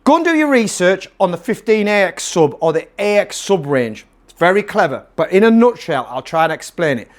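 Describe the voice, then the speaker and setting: Talking fairly fast in a high, very lively voice, a PA gear seller reviews a product casually on camera. He pushes his pitch like a salesman, stressing points emphatically and saying key phrases again and again.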